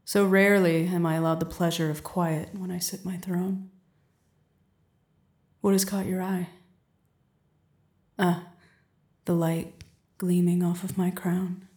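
Casting: an imperious, seductive queen played by a woman, flat, mellow, slow delivery with frequent whispers, roomy echo. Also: lowish voice. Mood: regal, commanding. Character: commanding, seductive adult queen on her throne. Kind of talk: audio roleplay.

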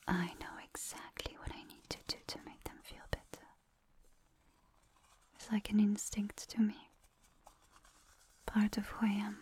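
A woman voicing a gentle, doting massage attendant in an ASMR roleplay, talking in a soft breathy whisper and slipping in French endearments. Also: medium pitch, lightly acted.

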